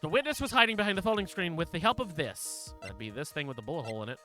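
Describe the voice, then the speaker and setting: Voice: medium pitch, lively intonation, racing, pushed and bright, faint music behind, pitched below the performer's own voice. A game streamer voicing an earnest, insistent young male defense lawyer pressing his case in a courtroom video game. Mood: confident. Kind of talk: video game dialogue read aloud.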